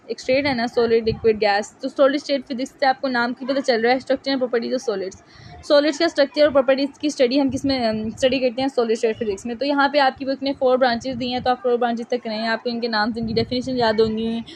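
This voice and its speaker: Woman teacher, high voice, asks and answers her own questions. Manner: reads English textbook lines slowly. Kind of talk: physics lesson.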